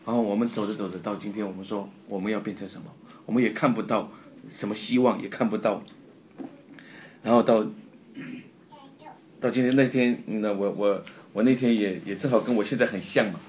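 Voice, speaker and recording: A man preaching a sermon, impassioned and confessional, swinging between loud outbursts and quiet, subdued stretches. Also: on the low side, fairly even intonation, fairly quick, pauses often, highs cut off, a little hiss or hum. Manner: personal and confessional, retelling his own despair.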